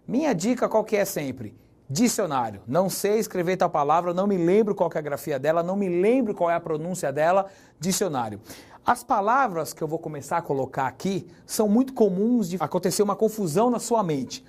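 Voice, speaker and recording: Joking teacher. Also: male voice, a little high, a little mellow. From Brazil. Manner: chatty, joking, spells words out slowly and stresses them. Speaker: Portuguese teacher. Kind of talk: recorded exam-prep lesson.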